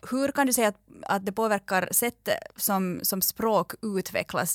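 A woman's voice: lowish voice, no echo, studio quality. A woman interviewing guests in a curious, conversational way. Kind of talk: interview questions.

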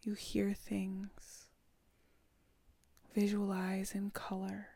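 Slow whispering meditation guide, a woman. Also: medium pitch, monotone, vocal fry, breathy edge, no echo. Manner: slow, soft and soothing, often whispered.

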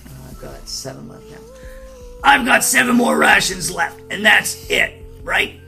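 A man's voice: high voice, creaky, bright, forceful tone. A man playing a tabletop role-playing game, chatting and improvising in a blunt, sweary, colloquial way. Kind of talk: casual in-character improvised chat.

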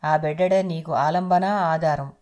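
A woman voicing an old male village parrot astrologer who makes slow, prophetic pronouncements. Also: fairly high pitch, fairly even intonation, darkish tone, lightly acted. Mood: solemn.

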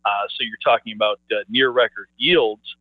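A man comes through over the phone, his voice low and squeezed into a narrow, tinny band. The line is dry, with no room echo. He talks as an analyst in a halting way, full of fillers and restarts. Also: fairly even intonation. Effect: heard over the phone. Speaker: market analyst guest. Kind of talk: phone interview on grain markets.

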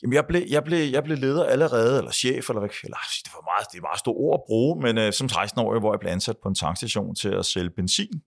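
A man, a business leader, telling a story from his working life in a halting, casual way with many restarts. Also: fairly low pitch, animated. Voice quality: creaky. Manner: halting, with frequent restarts and fillers. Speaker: podcast guest, business leader.

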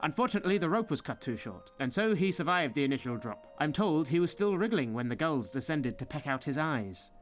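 A sly, grim tour guide, played by a man, leads newcomers through a fetid city, theatrical and sardonic as he savours every grisly detail. His voice sits a little high, and faint music plays underneath. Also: big pitch swings, a little fast, few pauses. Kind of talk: scripted fantasy narration.

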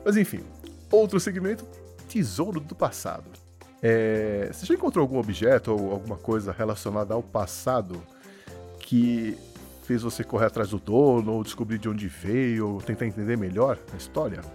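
A man co-hosting a casual podcast, telling a funny story in a lively way and laughing often. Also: lowish voice, normal speed, soft background music. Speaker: podcast co-host.

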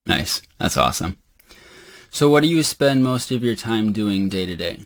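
A man hosting a casual interview, affirming his guest and feeling his way haltingly into questions. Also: fairly low pitch, expressive, no room sound, studio quality. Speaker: podcast host, interviewer.

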